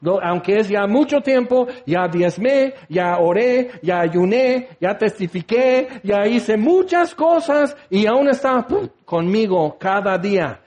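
Man, high-pitched voice, preaching a sermon, impassioned, questions the congregation directly, acts out scripture voices. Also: expressive, slow, few pauses, a little mellow. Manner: acts out the words of biblical figures.

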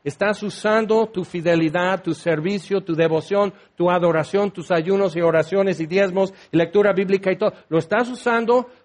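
A man preaching a sermon, acting out quoted voices and firing rhetorical questions. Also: high voice.

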